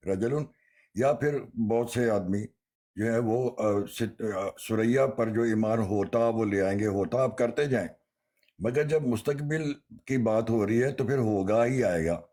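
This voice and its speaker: A man in a religious debate who speaks in a measured, hesitant way and reads verses slowly. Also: fairly low pitch, dark tone. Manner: measured, hesitant, with pauses and fillers.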